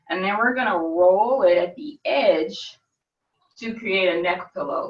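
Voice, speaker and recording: Lady yoga teacher talking you thru poses, slow and easy, kinda far off in a dull echoey room. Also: lowish voice. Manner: calm, unhurried, talks while demonstrating. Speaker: yoga instructor. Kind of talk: gentle instructional yoga class. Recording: roomy, distant mic, dull sound.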